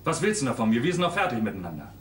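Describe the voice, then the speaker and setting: An actor playing an exasperated, blustering young lodger in a stage comedy, heard from afar on an echoey stage. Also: male voice, mid-range voice, huge pitch swings, very fast, recorded from a distance, noisy background. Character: exasperated young lodger trying to end an affair. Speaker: Fred, furnished-room lodger.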